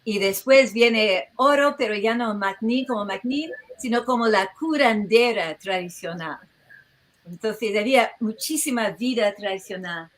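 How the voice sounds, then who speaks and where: A woman with a slightly high voice presents as a researcher at an online tribute. She speaks informally and with energy, wandering from point to point and often breaking off mid-phrase. She is heard through a video-call microphone. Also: unhurried, low-quality recording.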